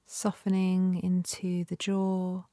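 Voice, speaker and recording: A woman leading a guided meditation in a soft, breathy, often near-whispered voice with a gentle, soothing manner and long pauses. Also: fairly low pitch, monotone, no room sound, clean studio sound.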